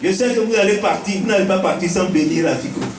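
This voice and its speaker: Speaking as a village chief, a man with an Ivorian accent delivers a preaching-style welcome speech, teaching point by point and repeating key phrases. His voice is high and fast, captured from a distance with an echo.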